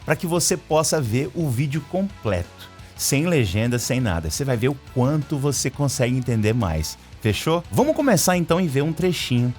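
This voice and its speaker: A man from Brazil teaching English in Portuguese, repeating phrases slowly to model pronunciation. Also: medium pitch, big pitch swings, darkish tone, soft background music. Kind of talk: English lesson explained in Portuguese.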